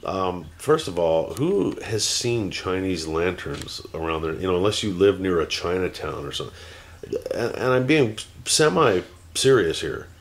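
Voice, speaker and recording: A low-pitched, very animated man talks a little slowly as he vlogs unscripted from home. In his forties and teary-eyed, he rambles through fillers and restarts before turning heated and ranting.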